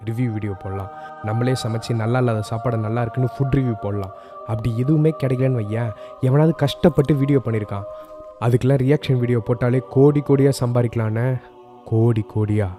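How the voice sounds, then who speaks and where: A man's voice: mid-range voice, steady tone, brisk, over music, lightly acted. A man playing a young, wheedling schemer in a comedy sketch. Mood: persuasive. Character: scheming young slacker pitching get-rich plans.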